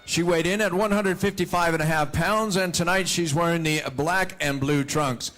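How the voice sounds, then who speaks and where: A man working as a boxing ring announcer, formally introducing fighters with theatrical, drawn-out delivery at a live event. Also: on the high side, a bit bright.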